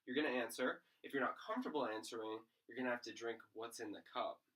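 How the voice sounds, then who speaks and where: A man's voice: mid-range voice, quick pace, natural voice. A man playing an upbeat male late-night talk-show host with showy patter, in an amateur school role-play. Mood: teasing. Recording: distant mic with loud background noise.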